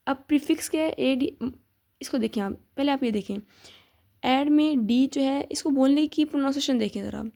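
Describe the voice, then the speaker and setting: A young woman teaching a casual grammar lesson, patiently repeating examples and spelling words out slowly. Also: a little high, gravelly, mellow. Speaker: teacher sharing study notes.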